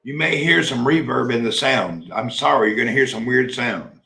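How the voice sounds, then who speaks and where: A man's voice: medium pitch, normal speed, creaky, sharp tone, recorded from a distance. Man with a reverb echo on his voice. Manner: rambling, talks to viewers while fiddling with gear. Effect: reverb echo on his own voice. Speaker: livestream host. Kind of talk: casual live-stream chat. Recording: echoey reverb from his own sound feed.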